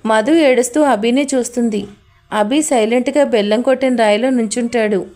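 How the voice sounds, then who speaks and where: A woman narrating a family drama audio story in a steady, plain storytelling manner. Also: fairly high pitch, normal speed.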